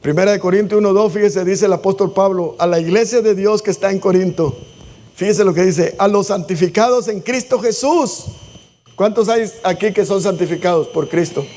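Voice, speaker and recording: A man's voice: high-pitched, normal speed, darkish tone. A man preaching a sermon in church, passionate and pleading, voicing prayers aloud. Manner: impassioned preaching, acts out prayers. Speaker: pastor.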